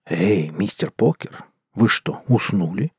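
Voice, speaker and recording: A man's voice: low voice, animated, takes it slowly, husky, dry recording, clean studio sound, exaggerated voice. A man voicing a cold, detached, mysterious woman in an audiobook. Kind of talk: audiobook character voice.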